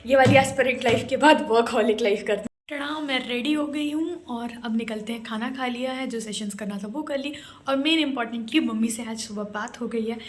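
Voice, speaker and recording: A young woman vlogs her day as a doctor, her voice a bit higher than most. She chats loosely into a phone camera, slipping in English phrases and checking in with her viewers as she goes. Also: fairly quick. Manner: chatty, mixes English phrases into Hindi, often tags "theek hai". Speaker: doctor vlogger. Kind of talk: casual daily vlog. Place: home and on the go.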